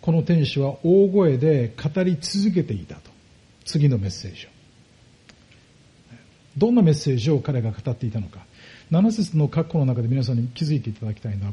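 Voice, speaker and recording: A male pastor preaches a sermon, walking through points step by step and putting rhetorical questions to the congregation. His voice is a little high with a dark tone.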